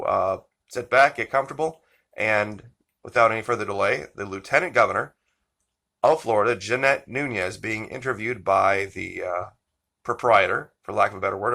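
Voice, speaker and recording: A man with a bright, forward voice hosting a political commentary channel. He speaks slowly and deliberately, leaning on each point. His pitch sits at an ordinary middle height. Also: gravelly. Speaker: channel host.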